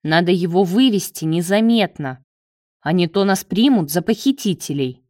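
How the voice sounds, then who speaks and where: A woman's voice: lowish voice, expressive, normal speed, darkish tone, dry recording, clean studio sound, natural voice. A woman reading the part of a young man who gives terse, urgent orders in a crisis.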